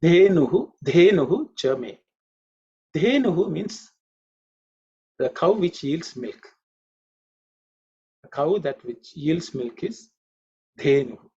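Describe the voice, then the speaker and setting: A man's voice: on the high side, expressive, slow pace, pauses often, darkish tone, breathy edge. A man teaching a Sanskrit class online, patiently repeating each word's pronunciation and explaining its meaning. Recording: dull lo-fi audio.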